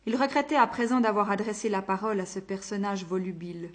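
A woman reading a story aloud at an even, measured pace. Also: mid-range voice. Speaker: narrator.

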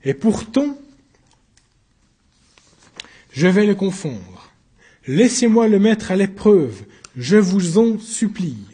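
A narrator puts on a desperate accused man fighting for his life before the judges, crying out in a raised, strained voice. The reading has a mellow, husky grain under the shouting. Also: high voice, sing-song, takes it slowly, voice pushed up, full character voice. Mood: pleading. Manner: shouting, frantic, pleading.

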